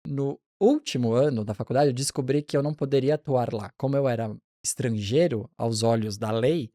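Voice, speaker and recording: This forties-aged man, a neonatologist who treats infants, walks through his career in a loose, conversational interview where he often starts sentences over. He talks briskly at a mid-range pitch, captured dry and clean in a studio.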